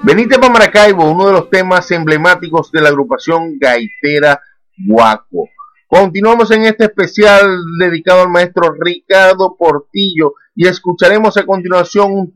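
A man hosts a radio music program. He sits high in his register and speaks in a measured, formal announcer style, and the recording is dry and close. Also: a bit bright, dry recording. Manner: measured, formal presenter delivery. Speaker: radio host. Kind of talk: radio announcing between songs.

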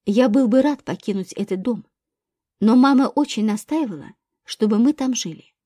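A woman reading a grown son under police questioning, giving calm, measured answers in her own voice. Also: on the high side, no room sound, studio quality, lightly acted. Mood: restrained.

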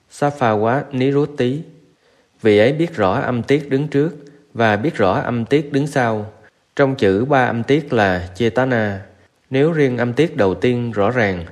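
A man reading a Buddhist scripture aloud in a steady, measured recitation, with Pali verses woven in. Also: medium pitch. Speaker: narrator.

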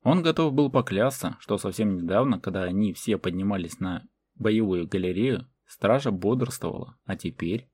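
A man reading a fantasy novel as audiobook narration in a measured way. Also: lowish voice, animated, darkish tone, breathy edge, dry recording. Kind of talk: scripted narration.

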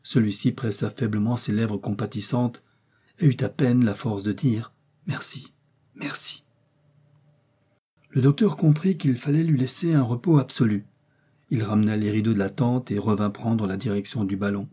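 A man narrating a classic adventure novel in a measured, dramatic storytelling voice. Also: lowish voice, dark tone, husky. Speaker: audiobook narrator. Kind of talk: scripted narration.

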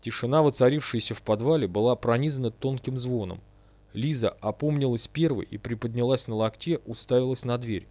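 A man's voice: mid-range voice, fairly quick, darkish tone, no room sound. A man narrates a first-person audiobook with a vivid, dramatic delivery. His voice sits in a middle register. The recording is dry with no room sound.

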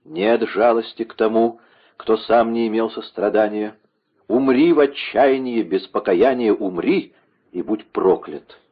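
A cold, vengeful man posing as a monk, demanding answers in a stern, low, husky voice, performed by a male audiobook reader. The sound is muffled and lo-fi. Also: unhurried. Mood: merciless. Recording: dull lo-fi recording.

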